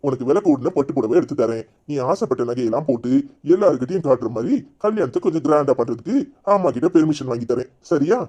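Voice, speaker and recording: A man voicing a fast-talking young groom. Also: mid-range voice, lively intonation, warm tone, natural voice. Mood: coaxing. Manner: coaxing, lecturing. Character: mother-obeying young groom-to-be. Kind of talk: cartoon voice acting.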